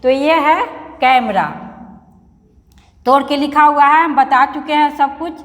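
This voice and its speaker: A woman teaching young children a reading lesson, patient and slow, spelling words out and often calling the pupils "beta". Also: high voice, fairly bright tone. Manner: patient, repeats words and spells them out slowly; calls the pupils "beta" affectionately. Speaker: primary school teacher. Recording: echoey room, long reverb.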